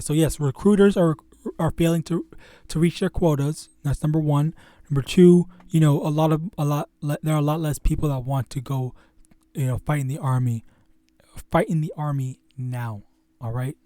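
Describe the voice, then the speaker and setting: A man hosting his own religious channel, teaching scripture informally in a halting, stuttering way full of fillers and restarts. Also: a little high, mellow, no room sound.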